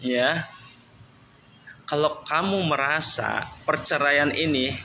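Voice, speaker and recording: A man talks through his grievances in a long, repetitive monologue. His voice sits slightly high and rings bright. He sounds hurt and complaining, and keeps circling back to the same points. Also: slow, vocal fry, slight background noise, low-quality recording. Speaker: husband telling his story. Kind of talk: emotional monologue.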